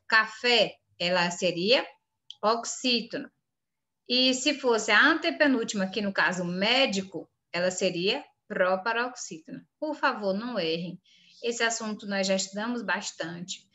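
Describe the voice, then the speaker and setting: A woman's voice: mid-range voice, bright, forceful tone. A woman teacher with a Brazilian Portuguese accent, reading through an exam and firmly urging her pupils not to make mistakes.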